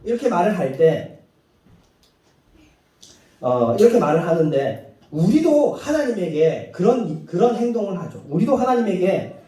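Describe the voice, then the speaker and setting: A man preaching a sermon in a church hall, his voice high and mellow. He rises and falls freely and acts out quotes now and then with a light laugh. Heavy echo and a distant mic make him sound far off in a big room. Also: big pitch swings, measured pace, long pauses. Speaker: pastor. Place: church sanctuary.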